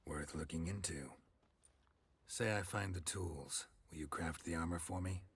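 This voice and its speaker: An actor playing a terse, dry middle-aged monster hunter in video game dialogue. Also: male voice, sits low, unhurried, a bit bright, breathy edge, heavily acted.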